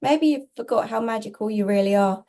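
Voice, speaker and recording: Mellow-voiced woman giving a tarot reading. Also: a little high, fairly quick. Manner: reassuring, emphatic, repeats in short phrases. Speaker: tarot reader, host. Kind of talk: casual spiritual guidance monologue, tarot reading.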